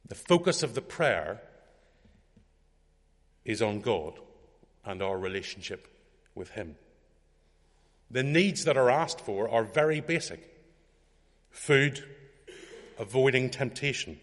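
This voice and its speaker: A man giving a measured, reflective sermon, reading scripture aloud with a lift in his voice. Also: medium pitch, lively intonation, long reverb tail. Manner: measured, reflective delivery, rising for quoted scripture. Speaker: preacher.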